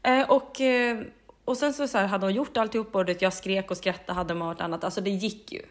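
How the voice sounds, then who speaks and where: A woman co-hosting a casual podcast, telling a lively story, quoting others in animated voices, laughing and swearing casually. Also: mid-range voice. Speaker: podcast co-host.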